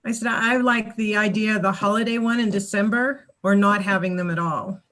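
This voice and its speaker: Woman, committee member, bright voice on a call that keeps cutting out, brief plain delivery. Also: mid-range voice, steady tone, fairly quick, low-quality recording. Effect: breaking-up call audio that cuts out. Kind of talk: casual meeting talk.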